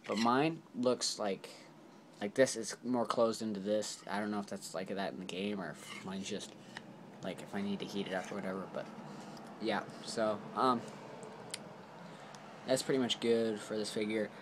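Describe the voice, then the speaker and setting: A man talks through an action figure review into his camera, rambling and full of fillers. He keeps apologizing as he goes. His voice sits a bit low, with faint hiss behind it. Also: steady tone, normal speed. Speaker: toy reviewer. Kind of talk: casual toy review vlog.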